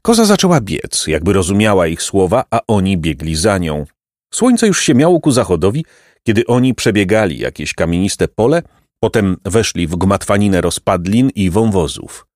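A man narrating a children's storybook in an expressive, dramatic way. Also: low-pitched, normal speed, no echo, studio quality. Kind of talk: storybook reading.

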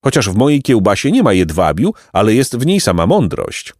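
A man voicing a loud, boastful innkeeper who hawks sausages, in a raised, pitched-up voice. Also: very animated, fairly quick, dry recording, studio quality. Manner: raised, hawking voice.

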